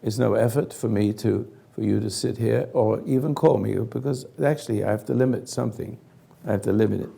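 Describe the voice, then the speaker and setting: Older guy leading a talk, voice shot and gargly, super gravelly, earnest and halting. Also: on the low side, dark tone. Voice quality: gargling, raspy, failing voice. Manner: earnest, emphatic, halting phrases. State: hoarse, throat-clearing. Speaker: host leading a group conversation. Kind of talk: spoken counselling talk to a group.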